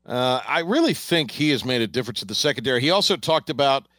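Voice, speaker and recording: A man's voice: medium pitch, lively intonation, fast, a bit bright, a little hiss or hum. A man hosting a sports radio segment, talking casually and rambling with many fillers and restarts.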